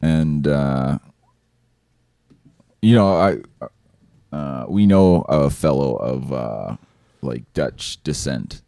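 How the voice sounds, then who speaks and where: A man with a very low, dark voice tells rambling anecdotes in relaxed podcast chat. The sound is dry and close on the mic. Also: drawn-out words, long pauses, no echo. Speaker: podcast co-host. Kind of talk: casual chat.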